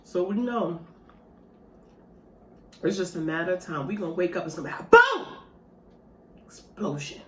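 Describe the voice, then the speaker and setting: A woman's voice: fairly low pitch, fairly quick, pauses often, a little mellow. A woman vlogger, chatting casually and animatedly to her viewers while eating dessert at home. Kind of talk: casual mukbang chat to viewers. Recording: echoey room.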